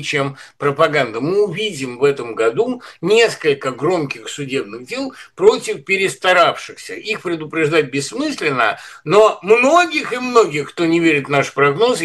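A man's voice: on the high side, fairly bright tone. A man giving political and literary commentary in a lecturing, digressive way, full of historical references.

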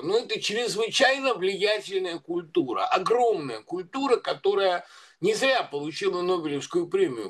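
A man with a high-pitched voice talks at length in a discursive, conversational way. He pauses often with filler sounds and restarts his sentences as he goes. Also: fairly bright tone. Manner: discursive, many hesitations and restarts. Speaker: guest commentator. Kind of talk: conversational commentary.

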